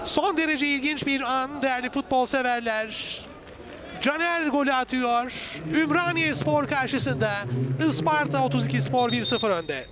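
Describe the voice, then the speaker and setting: A man commentating live on a football match, screaming the goal call with excitement. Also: very high-pitched, measured pace. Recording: crowd noise from stadium. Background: football crowd.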